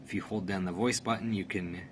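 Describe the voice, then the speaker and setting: Indoors, with clear background noise and room ambience, a man acting as a product reviewer walks through a step-by-step tutorial. His low voice stays steady and brisk, casual and matter-of-fact.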